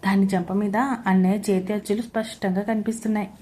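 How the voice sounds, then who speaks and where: A woman's voice: medium pitch, little pitch movement, fast, dark tone, a little hiss or hum, lightly acted. A woman voicing a spiteful young sister-in-law in an audio story, taunting and gleeful.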